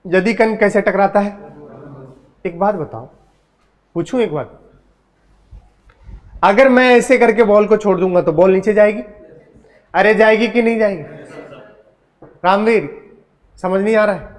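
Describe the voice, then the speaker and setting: A man's voice: high-pitched, moderate pace, long pauses. A man teaching a physics class, who teases his students and keeps asking them questions. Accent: Hindi. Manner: teasing, asks the class questions. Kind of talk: classroom lecture.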